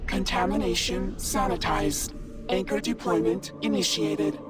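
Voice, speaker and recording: A woman's voice: on the low side, steady tone, unhurried, lightly acted. A woman voicing an emotionless, official machine intelligence in a video game, making clipped system announcements. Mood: impassive. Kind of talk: video game character acting. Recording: music behind. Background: music.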